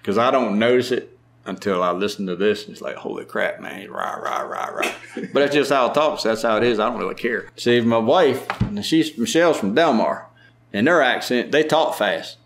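A middle-aged man with a strong Maryland Eastern Shore accent, a farmer talking casually in an interview with a drawn-out, unhurried way of speaking. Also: medium pitch, slight background noise. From lower Eastern Shore of Maryland. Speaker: farmer and market owner.

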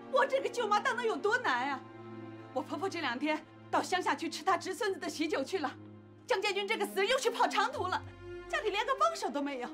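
Actress playing a shrill scolding aunt, very high voice, swooping pitch, nagging, loud music underneath. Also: female voice. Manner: sharp, nagging, shouting. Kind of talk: TV drama acting.

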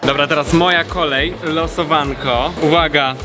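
A man's voice: a little high, steady tone, moderate pace. A young man hosting a casual vlog while walking through shopping mall stores, chatting playfully and laughing often. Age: young adult. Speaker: vlogger host. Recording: background music.

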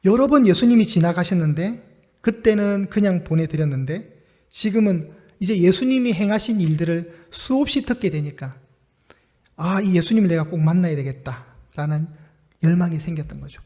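A man preaching a sermon with a notably high voice, pushing his volume to carry across the congregation. He narrates with lively animation and acts out the cries in the story. His words linger in the long reverb of a church hall. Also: moderate pace. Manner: projects his voice loudly to reach the room. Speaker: pastor. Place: church sanctuary.

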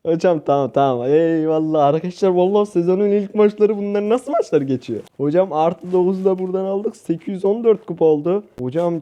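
A young man from Turkey, a gaming YouTuber giving excitable live gameplay commentary, shouting at teammates and repeating words rapidly. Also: high-pitched, muffled recording.

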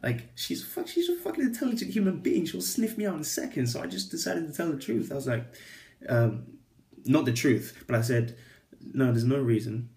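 A man's voice: a little high, big pitch swings, a little fast, vocal fry, darkish tone. A young man tells a story to camera, swearing a lot and acting out both sides of a conversation. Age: young adult. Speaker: vlogger. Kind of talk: casual storytelling vlog.

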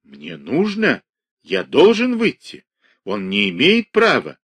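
A man's voice: mid-range voice, huge pitch swings, takes it slowly, a bit bright, husky, voice pushed up, heavily acted. Man voicing a trembling, pleading middle-aged doctor. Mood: shaken.

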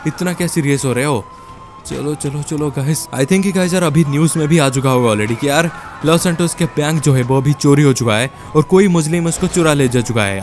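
Young guy yelling through a game chase, slightly high voice, spits out the same word again and again, faint music behind. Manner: frantic, repeats words in quick bursts; speaks as the game character in first person. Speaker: gaming YouTuber. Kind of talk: excited Let's Play commentary.

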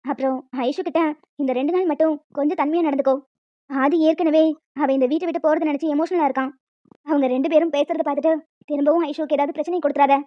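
A woman voicing a kind, wise middle-aged aunt who gives calm, gentle advice. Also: sits high, fast talker, no room sound, voice pushed down, close to an everyday voice. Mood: reassuring. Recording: dull lo-fi audio with music.

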